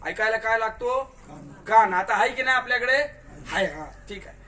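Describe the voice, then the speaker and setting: A man giving a spiritual discourse in a large tent, questioning the listeners and telling them to answer louder. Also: high voice, lively intonation, moderate pace. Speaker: kirtankar preacher. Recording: distant mic with faint noise.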